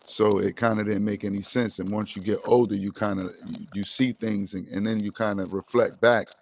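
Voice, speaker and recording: Low-voiced middle-aged man hosting, slangy. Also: brisk, vocal fry. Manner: relaxed, slangy everyday speech. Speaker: podcast host. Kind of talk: casual online chat. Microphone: video call.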